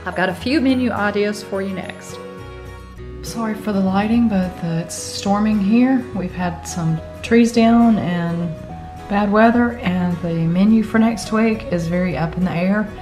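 A woman's voice: mid-range voice, a little slow, mellow, faint music behind. A middle-aged woman hosting a cooking channel, chatting casually and talking through prices and meal plans, filmed at arm's length in a parked car. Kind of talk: casual vlog chat.

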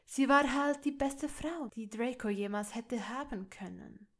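Female reader doing a contemptuous older nobleman for a fan audiobook, loud and scornful, pitched fairly high and slow. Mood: sneering. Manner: loud, sneering, raised voice. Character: cold haughty older male aristocrat, contemptuous. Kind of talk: audiobook reading of fan fiction.

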